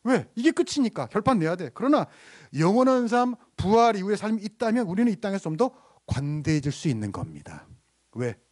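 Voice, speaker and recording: A man's voice: sits high, very animated, brisk, a little mellow. A middle-aged man preaching a sermon as pastor, asking the congregation questions and acting out the people in his stories. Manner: acts out quoted voices while telling a story.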